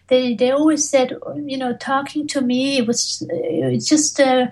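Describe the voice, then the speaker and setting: Female interviewee, slightly high voice, reflective and halting delivery, feeling her way through sentences. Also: steady tone, darkish tone, low-quality recording. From Tibetan, living in Europe. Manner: hesitant, halting, searching for words. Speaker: interview guest, mantra singer.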